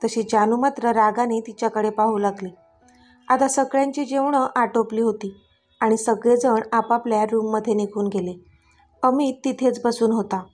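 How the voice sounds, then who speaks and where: A woman narrating a romance story serial in an expressive, dramatic reading. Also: a little high. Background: faint music.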